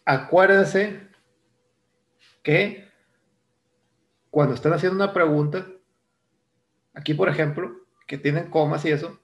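Male English teacher with a Mexican Spanish accent, fairly high and gravelly, walking students through a lesson patiently and repeating key terms. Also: steady tone, measured pace, long pauses. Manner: explains step by step, repeats terms, asks "¿no?". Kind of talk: recorded online grammar lesson.

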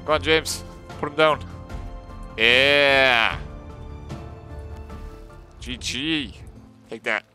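A man's voice: mid-range voice, very slow, long pauses, bright, forceful tone, soft background music. A man playing a game with friends, joking and swearing and mocking himself. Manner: jokey, swearing, self-mocking. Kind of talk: casual gameplay banter.

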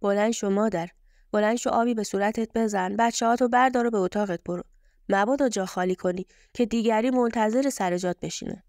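A woman's voice: medium pitch, a little mellow, no echo, studio quality, lightly acted. A woman voicing a stern older uncle who scolds and lectures in a story reading. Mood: coaxing. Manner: scolding, preachy.

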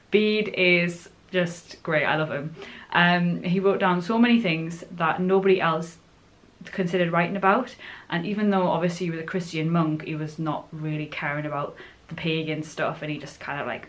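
Woman, 20s, Northern English accent, slightly low voice, informal vlog chat to camera. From Northumbria, northern England. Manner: informal, chatty. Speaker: vlogger. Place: furnished living room indoors.

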